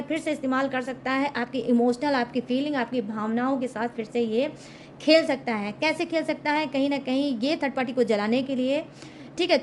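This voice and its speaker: A woman's voice: sits high, a little hiss or hum. A young woman giving a casual tarot reading to her viewers, chatty and emphatic, checking in with them often. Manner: chatty, repeats "ठीक है?" and "guys" often; emphatic, confident predictions. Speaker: tarot reader.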